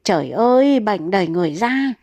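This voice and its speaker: A woman's voice: a little high, expressive, unhurried, mellow, dry recording. A woman voicing a fussing elderly wife who nags and scolds insistently. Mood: nagging.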